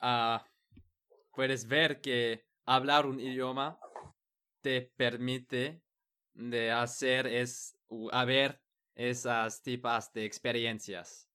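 A man talking very slowly in a relaxed chat, pausing to hunt for words and restarting them. His voice is smooth and clear throughout. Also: medium pitch. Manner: hesitant, frequent restarts and searching for words. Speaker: conversation partner. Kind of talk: casual chat in a learned language.

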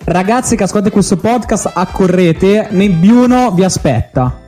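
A man's voice: high-pitched, animated, normal speed, warm tone, faint music behind. A man hosting a podcast, casually chatting and passing the conversation along to his friends. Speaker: podcast host. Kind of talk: casual chat, moderating.

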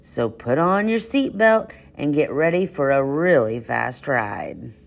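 A woman's voice: low-pitched, slow, creaky. A woman hosting school announcements in the manner of a kids show host, exclamatory and talking straight to children. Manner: animated, exclamatory, talks to children.

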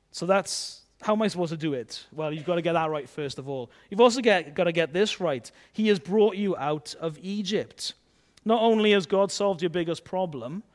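A man preaching a sermon in a chatty, conversational way, often adding tag questions. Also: high voice.

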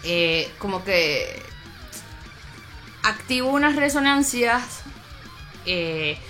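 A woman's voice: medium pitch, expressive, very slow, sharp tone, soft background music. A woman from Venezuela, a metal vocalist, answering interview questions in a reflective, casual way with frequent restarts. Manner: reflective, many restarts and fillers. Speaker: metal band vocalist, guest.

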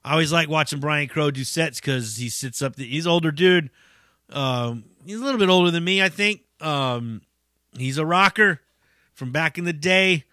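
A man's voice: fairly high pitch, normal speed, sharp tone, no echo, clean studio sound. Profane, rambling man hosting a podcast. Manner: profane, rambling, laughs often. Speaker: podcast host. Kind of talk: casual monologue.

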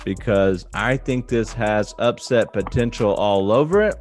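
A man's voice: on the low side, unhurried, a little mellow, soft background music. A man co-hosting a casual sports betting podcast, playful and confident, with jokey asides. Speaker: podcast co-host and betting analyst.

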